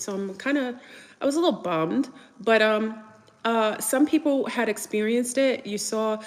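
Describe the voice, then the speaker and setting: In a reverberant room, a talkative woman from New York, a native French speaker, runs a casual livestream chat. Her voice is fairly high-pitched, and she rambles along, responding to what viewers write.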